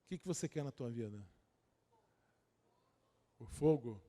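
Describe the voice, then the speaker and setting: A pastor preaching a sermon with emphatic repetition, swinging between quiet, intimate asides and loud, rising exhortation. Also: male voice, medium pitch, expressive, measured pace.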